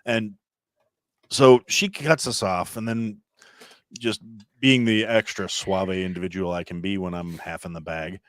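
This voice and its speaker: Speaking a little slowly in a steady tone, with no echo, this thirtysomething guest from Wisconsin spins long, meandering anecdotes on a podcast. It's relaxed conversation, and he mimics other people using dramatic pitch shifts.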